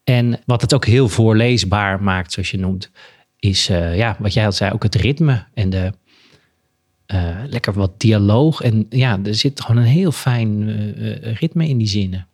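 A man's voice: on the low side, measured pace, darkish tone. A man reading a children's story aloud with expression and talking about the book. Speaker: guest reader.

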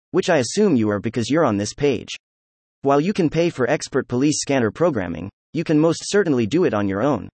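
A synthetic text-to-speech male narrator reads a how-to article from a script with an even, instructional delivery. His pitch is lively and moves around a lot, and the recording is dry with no room sound.

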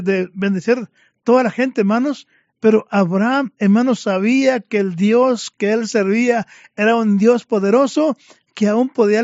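A man's voice: very high-pitched, darkish tone, no room sound. A man preaching a fervent sermon to his congregation, addressing them again and again as brothers, in a dull lo-fi recording.

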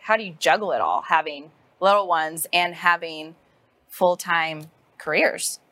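A woman's voice: fairly low pitch, measured pace, bright, forceful tone, no echo. A woman hosting a casual podcast and asking her guests friendly, conversational questions. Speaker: podcast host.

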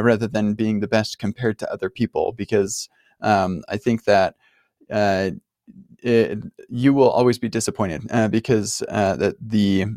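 A man's voice: on the low side, a little mellow, dry recording, studio quality. A man hosting a podcast, answering a caller's question in a friendly, reflective way, thinking aloud with some fillers. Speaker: podcast host.

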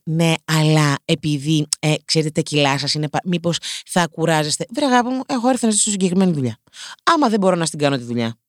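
A woman's voice: mid-range voice, no room sound, clean studio sound. A woman hosting a podcast, delivering a comedic, sarcastic rant straight to her listeners, swearing casually and poking fun at herself. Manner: self-mocking, addresses listeners directly. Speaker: podcast host.

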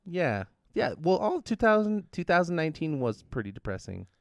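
A man's voice: on the high side, sing-song, moderate pace, vocal fry, dry recording. A man hosting a casual, jokey group chat, often laughing as he talks. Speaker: podcast host. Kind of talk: casual comedic group banter.

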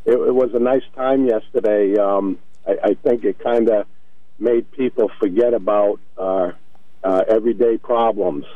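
A man calling a radio show over the phone, halting and repeating his words. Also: fairly low pitch, steady tone, dry recording. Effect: heard over a phone line. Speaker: caller. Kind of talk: radio call-in. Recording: tinny phone line.

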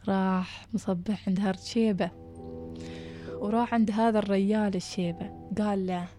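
A woman narrating a story, acting out the people in it with lively shifts of voice. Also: medium pitch, normal speed, soft background music. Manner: animated, acts out villagers' voices.

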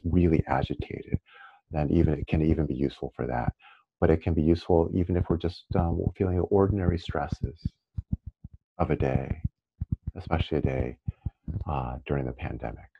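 Low-voiced man teaching meditation, muffled sound. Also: breathy edge. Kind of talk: guided meditation instruction. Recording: muffled, band-limited audio.

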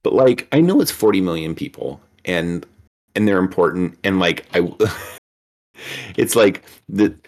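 A man in casual political discussion, talking fast with lots of swearing and acted-out quotes. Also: sits low. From United States. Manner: profane, animated, acts out quotes. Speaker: guest.

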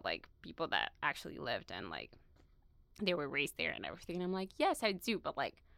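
A woman's voice: low voice, gravelly, bright, forceful tone, no room sound, clean studio sound. A young woman from Peru, a student being interviewed, talking casually with lots of fillers and laughter. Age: young adult. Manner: chatty, many fillers, laughs often.

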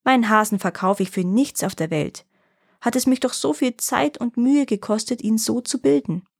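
A woman voicing a sly, poor old grandfather who flatters and feigns offense. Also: on the high side, normal speed, gravelly, voice pushed up. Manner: wheedling and flattering, then mock-offended.

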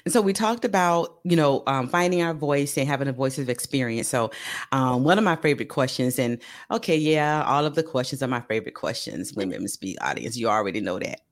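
A woman hosting an interview podcast, talking to her guest and audience in an animated, emphatic way, drawing out key phrases. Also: extremely low pitch, brisk. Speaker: podcast host. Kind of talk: casual interview chat.

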